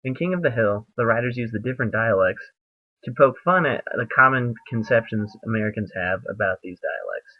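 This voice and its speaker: A man's voice: fairly low pitch, a little fast, dry recording, phone-quality sound. A young man presenting a class video essay, reading aloud plainly with small slips and fillers. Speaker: student presenter.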